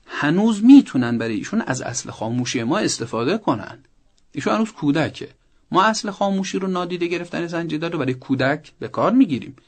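A man speaking as a parenting expert on a radio advice show, earnest and emphatic, pressing his points with rising insistence. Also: mid-range voice.

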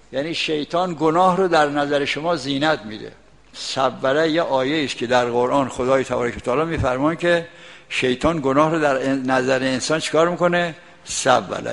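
A man's voice: mid-range voice, gravelly, a bit bright, long reverb tail. An older man giving a religious commentary, reciting verses and explaining each one in plain everyday speech. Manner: recites Arabic verses, then explains them in colloquial Persian. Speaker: Quran commentator.

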